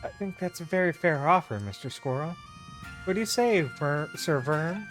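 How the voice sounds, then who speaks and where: Man doing a courteous young bard lady, eager, bright, polite. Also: a little high, lively intonation, moderate pace, soft background music. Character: polite female bard, cheerful pacifist.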